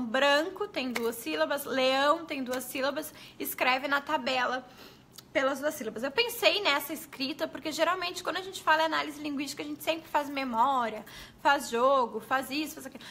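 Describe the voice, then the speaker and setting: Bright high-voiced teacher woman. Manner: chatty, explanatory, addresses viewers as gente. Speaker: pedagogue.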